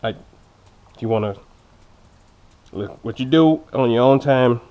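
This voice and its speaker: A man's voice: medium pitch, takes it slowly, mellow, highs cut off. A man speaking with braces on, giving a chatty, jokey, informal unboxing review as a vlogger. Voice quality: slightly impeded speech from wearing braces. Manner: jokey, informal, chatty, self-teasing asides. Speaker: motorcycle vlogger reviewing gear. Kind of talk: casual unboxing review chat. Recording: clear background noise with clicks.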